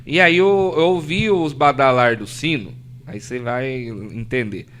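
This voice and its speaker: Brazilian man, São Paulo interior accent, mid pitch, heartfelt storyteller, light hum behind. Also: unhurried, fairly bright tone. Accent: Brazilian Portuguese, São Paulo interior. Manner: earnest storytelling, frequent "né?", acts out quoted voices. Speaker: podcast guest. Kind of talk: emotional testimony in casual chat.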